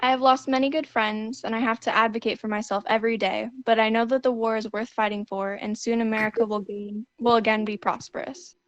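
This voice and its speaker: Woman as a high-voiced young wartime army nurse. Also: level tone, fairly quick, few pauses, no room sound, highs cut off, natural voice. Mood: solemn, steadfast. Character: dutiful patriotic army nurse aged twenty-two. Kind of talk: scripted 1940s war radio interview.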